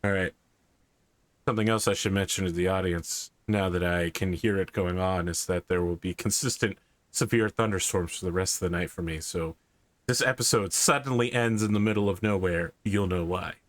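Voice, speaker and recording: A man's voice: low-pitched, moderate pace, no room sound. A man acting as game master, narrating and talking through a tabletop fantasy game.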